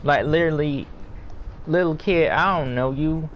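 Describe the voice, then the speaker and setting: A man's voice: a little high, normal speed, muffled recording, a little hiss or hum. A man with a Louisiana accent, chatting casually with gaming friends and rambling through joking stories. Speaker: gamer. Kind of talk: casual chat.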